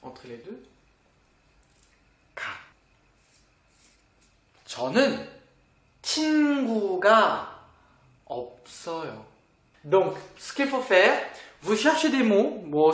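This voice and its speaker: Slow, patient language teacher. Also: medium pitch, very animated, roomy sound. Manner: patient, asks the viewer questions. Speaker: Korean teacher. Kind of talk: language lesson.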